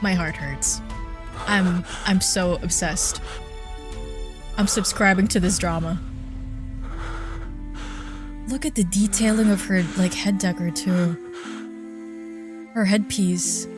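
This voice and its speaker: A woman's voice: mid-range voice, fairly even intonation, unhurried, long pauses, music in the background. A woman gaming streamer giving a casual live reaction, with an effusive, exclamatory fangirl manner.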